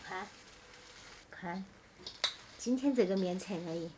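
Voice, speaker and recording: A young woman talks in Sichuan dialect at an average pitch, casually explaining as she cooks for a vlog. She sounds a little away from the mic, with faint noise around her. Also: slow, far from the mic. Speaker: vlogger, daughter-in-law cooking. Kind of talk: casual vlog narration and chat.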